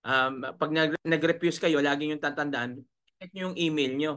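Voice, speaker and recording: Bright-voiced man coaching a webinar. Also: a little high, normal speed, clear, resonant tone. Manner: chiding, rhetorical, keeps asking "right?". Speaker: webinar coach for online sellers. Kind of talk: live webinar talk, reading viewer comments.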